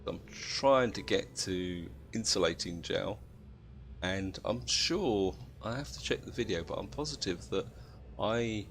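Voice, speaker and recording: Drowsy, low-voiced British man with gravelly creak. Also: a bit bright. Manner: drowsy, half asleep. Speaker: video game let's-play host. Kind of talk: casual game commentary. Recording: noticeable background noise.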